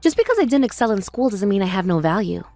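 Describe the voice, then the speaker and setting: A woman playing a wounded, expressive young sister. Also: mid-range voice, quick pace, dry recording, faint music behind. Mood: hurt, defensive. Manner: earnest, wounded, emphatic. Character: hurt, loyal young sister, high school dropout. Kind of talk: dramatized family-conflict story dialogue.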